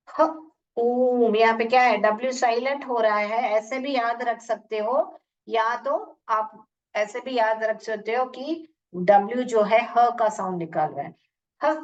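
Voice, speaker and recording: A woman with an Indian accent teaching English phonics in an online class, repeating sounds slowly and asking questions. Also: fairly high pitch. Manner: slow, repeats sounds and words, asks questions. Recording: muffled, distant from the mic.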